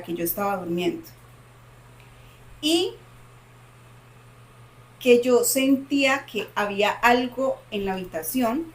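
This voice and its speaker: A woman, co-hosting a podcast and dramatically retelling a personal story with lots of repetition. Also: fairly high pitch. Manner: dramatic, animated retelling with repeated phrases. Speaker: podcast co-host. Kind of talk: casual storytelling.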